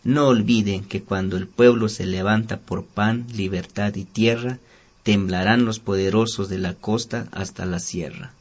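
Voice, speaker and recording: Male radio host, Mexican accent, fairly low pitch, scripted delivery, muffled lo-fi sound. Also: steady tone, unhurried, a little mellow.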